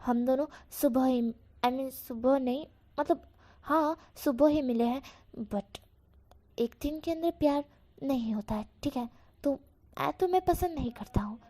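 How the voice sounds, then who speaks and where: A woman's voice: high-pitched, unhurried, warm tone. A woman voicing a shy, flustered young man who stammers and hesitates as he denies his feelings.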